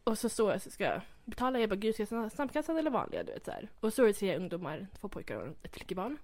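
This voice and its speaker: A woman's voice: mid-range voice, no echo. A young woman co-hosting a casual chat, telling slangy stories, laughing often and acting out what people said. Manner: lively storyteller, slangy, laughs often, acts out quotes. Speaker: podcast co-host.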